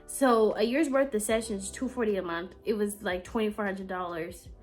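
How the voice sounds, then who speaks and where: A woman, telling a casual storytime rant and acting out both sides of the dialogue, indignant and animated. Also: mid-range voice, normal speed, soft background music. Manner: animated, quotes herself and others in dialogue, indignant. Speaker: vlogger.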